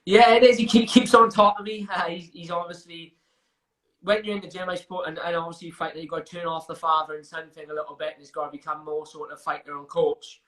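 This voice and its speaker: A man's voice: fairly high pitch, fairly even intonation, quick pace, sharp tone. A young man with a Welsh accent, an MMA fighter chatting in an interview, talking in loose, restarting sentences and laughing through his stories. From Wales. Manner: chatty, frequent restarts and fillers, laughs while telling stories. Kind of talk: casual interview chat.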